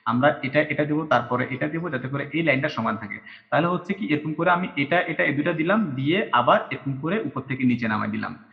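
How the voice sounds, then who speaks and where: A man's voice: a little high, expressive, fairly quick, creaky. A man teaching a writing lesson at a patient pace, counting strokes aloud and spelling each syllable out. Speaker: Japanese teacher. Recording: dull lo-fi recording.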